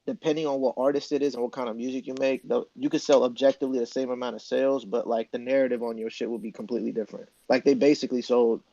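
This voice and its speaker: A man's voice: medium pitch, steady tone, fast, vocal fry, hardly any pauses, warm tone, no echo. A man in a casual podcast chat, talking things over in an analytical, laid-back way. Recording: dull, slightly muffled sound.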